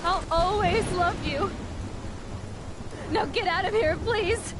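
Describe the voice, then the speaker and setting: A woman's voice: very high-pitched, takes it slowly, background noise. Young American woman's tearful goodbye in a storm. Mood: tearful farewell. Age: young adult. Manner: tearful goodbye, emotional and pleading. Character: rebellious young woman, tender and self-sacrificing. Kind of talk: dramatic video game acting. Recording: loud rain, thunder and storm behind.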